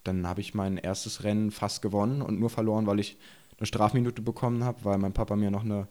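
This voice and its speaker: A man's voice: on the low side, little pitch movement, a little fast, dark tone. A man in his twenties from eastern Germany, a podcast guest chatting casually, rambling, laughing often and using slang. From Saxony-Anhalt, Germany. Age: 20s. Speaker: podcast guest, enduro rider. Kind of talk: casual chat.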